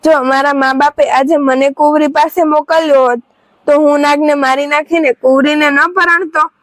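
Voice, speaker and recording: A woman's voice: sits high, fairly even intonation, moderate pace, dry recording, clean studio sound, close to an everyday voice. A woman voicing a sulky, complaining young man, a potter's son.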